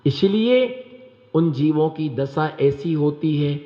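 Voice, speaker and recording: A monk preaching in a high voice and telling stories. He keeps throwing rhetorical questions at his listeners. The sound is dull and rings with a long hall echo. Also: animated, slow, mellow. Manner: rhetorical questions to the audience, repeats phrases. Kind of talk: sermon with storytelling.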